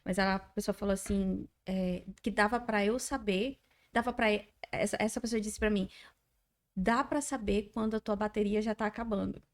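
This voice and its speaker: A woman co-hosting a podcast, talking casually in a halting way with frequent restarts. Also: medium pitch, steady tone. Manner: hesitant, halting, many restarts. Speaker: podcast co-host.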